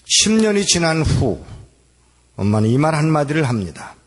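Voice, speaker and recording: A Korean pastor in his sixties preaches a sermon and shares a personal testimony, acting out remembered dialogue at normal speed. His voice sits on the high side with big pitch swings. The recording comes from a large church hall at a gathering, with long, echoey reverb.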